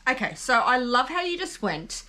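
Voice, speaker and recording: A woman's voice: high-pitched, very animated, normal speed, bright, forceful tone. An Australian woman co-hosting a casual farm livestream chat, giggly and exclamatory.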